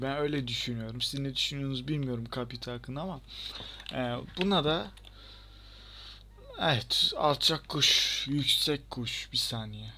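A young man giving chatty, excitable let's-play commentary and talking back to the game. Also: medium pitch, a little hiss or hum. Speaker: gaming channel host.

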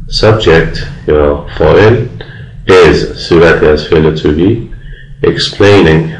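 A man with an Afghan Dari accent giving a recorded grammar lecture, patiently explaining and slowly repeating example sentences. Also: sits low, creaky, a little mellow, reverberant, poor audio. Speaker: university English lecturer.

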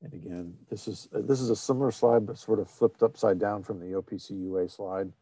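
Male webinar presenter, mellow dry voice, halting delivery with frequent fillers. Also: lowish voice, no room sound. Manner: halting, many fillers and restarts. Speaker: presenter of an online technical seminar. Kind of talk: screen-shared webinar presentation.

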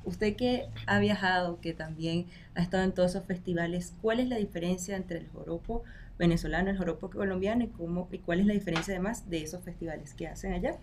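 A woman's voice: fairly low pitch, quick pace, a little mellow, a little hiss or hum. A woman hosting a podcast interview, asking friendly, respectful questions. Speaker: podcast host.

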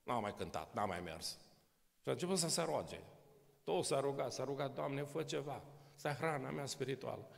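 A pastor in his sixties preaches from the podium of a large church hall, speaking conversationally with plenty of rhetorical questions and bits of humor. His mid-range voice is expressive with vocal fry, picked up by a podium microphone amid long church reverb.

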